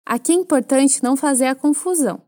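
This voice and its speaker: Brazilian female language teacher, bright high register, dead-dry studio read, clear and patient. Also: fast, no room sound. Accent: Brazilian Portuguese. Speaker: French teacher. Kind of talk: language lesson for Portuguese speakers.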